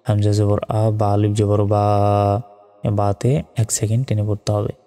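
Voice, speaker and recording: A man with a low, mellow voice teaching Quran recitation. He spells out each syllable slowly and chants the verses in a steady, even tone. The recording carries a long, echoey reverb. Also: soft background music. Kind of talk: step-by-step recitation lesson.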